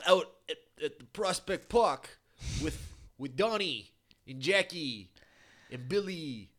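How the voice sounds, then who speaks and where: A man's voice: fairly high pitch, lively intonation, slow pace, a bit bright, full character voice. A man putting on a brash, chummy old-timey guy with a thick Brooklyn accent.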